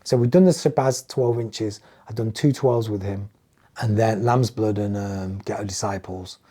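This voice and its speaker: A man's voice: fairly low pitch, normal speed, breathy edge. A middle-aged man from England with an English accent, a music producer telling stories as a podcast guest and acting out the lines of the people in them. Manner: animated storytelling, acting out quoted dialogue. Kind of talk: casual podcast conversation.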